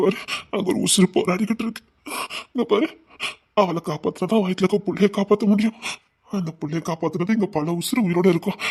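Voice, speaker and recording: A man's voice: sits high, creaky, breathy edge, full character voice. A man with a Tirunelveli Tamil accent playing an anxious husband who pleads and coaxes. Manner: pleading, coaxing. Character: anxious husband begging his wife.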